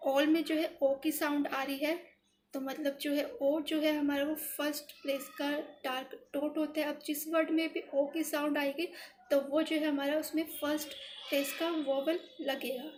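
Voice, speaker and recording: A woman's voice: high-pitched, little pitch movement, moderate pace, slight background noise. A woman teaching shorthand step by step, patient and repetitive, talking aloud as she writes, with English words in an Indian accent. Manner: repetitive, patient, thinking aloud while writing. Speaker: shorthand tutor. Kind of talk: step-by-step tutorial explanation.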